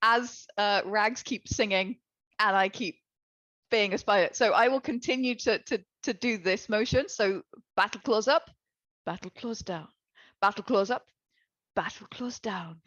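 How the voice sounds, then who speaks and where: A woman's voice: mid-range voice, normal speed, a bit bright, lo-fi sound. A woman playing a tabletop role-playing game, chatting through her character's plan. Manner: chatty, explains her moves. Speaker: player.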